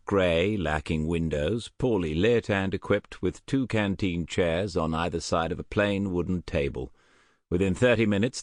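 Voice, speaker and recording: A man narrating an audiobook with a measured, even storytelling delivery. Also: low-pitched, no room sound, clean studio sound.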